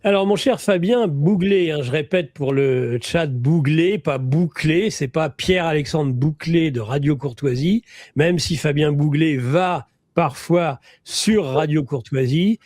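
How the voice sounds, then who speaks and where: A man hosting an interview, chatty and brisk, speaking to his guest and the viewers' chat. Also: fairly high pitch, darkish tone, no echo, studio quality. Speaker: host. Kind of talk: web TV interview.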